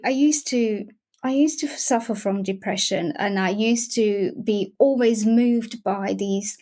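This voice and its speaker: A young adult woman with a Slovak accent talks in a relaxed interview. She pauses and restarts often, searching for words. Her voice sits a bit high. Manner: hesitant, many restarts and fillers. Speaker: guest, emotional wellbeing facilitator. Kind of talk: casual interview talk.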